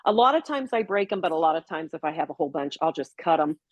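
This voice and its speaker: A woman's voice: deep voice, animated, fast talker, no echo, dull audio. A woman co-hosting a health show, chatting casually and explaining step by step as she prepares a salad. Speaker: co-host. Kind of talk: casual cooking demo chat.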